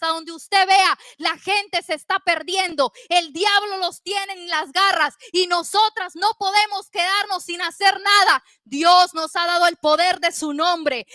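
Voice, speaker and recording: A woman's voice: very high-pitched, pushed and bright, dry recording, studio quality. A woman preaching a fervent sermon to a women's group, exhorting with repeated calls to pray and keep going.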